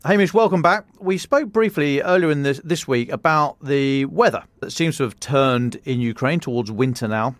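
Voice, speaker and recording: A British man hosting a podcast interview, conversational and halting, often repeating his words. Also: medium pitch, dry recording. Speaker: podcast host.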